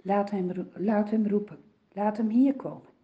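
A woman voicing a kind grown man who speaks calmly and lovingly, on a dull lo-fi recording. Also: fairly high pitch, a little slow. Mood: gentle. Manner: calm and loving.

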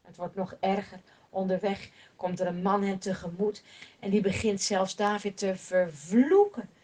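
A woman telling a Bible story expressively, swinging from emphatic to hushed. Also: medium pitch, unhurried.

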